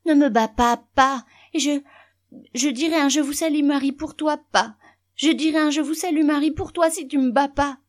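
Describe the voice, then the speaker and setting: A woman voicing a frightened small boy who answers timidly and pleads in a high, trembling voice, read as a story. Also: animated, a little slow, few pauses, darkish tone. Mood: terrified pleading. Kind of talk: storybook reading.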